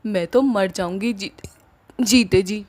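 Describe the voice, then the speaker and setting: A hot-headed young wife from a cartoon story, voiced by a woman, quick to scold and threaten. She speaks at a middle pitch in a dramatic, emotional manner. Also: a little mellow, no room sound, natural voice. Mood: tearful pleading. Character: fiery jealous young wife, protective. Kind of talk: cartoon voice acting.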